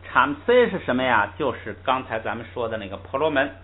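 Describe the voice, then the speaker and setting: Male teacher, mid-pitched, patient step-by-step explainer; thin, lo-fi recording with faint background hiss. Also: lively intonation, a little fast. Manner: patient, explains step by step and drills pronunciation aloud. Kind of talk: classroom language lesson.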